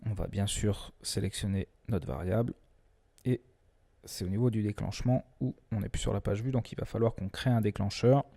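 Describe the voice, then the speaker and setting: A man presenting a screen-recorded software tutorial in a relaxed, chatty way, often hesitating and restarting his sentences. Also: fairly low pitch, normal speed, gravelly. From France. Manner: self-deprecating humor.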